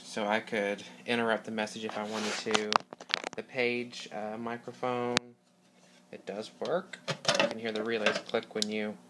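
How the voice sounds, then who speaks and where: A man hosting a casual hobby video, explaining equipment in an informal, halting way, recorded on a handheld device indoors. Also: fairly low pitch, level tone, heavy background noise. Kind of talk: casual product demonstration vlog. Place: small carpeted room indoors. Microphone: handheld phone or camera mic.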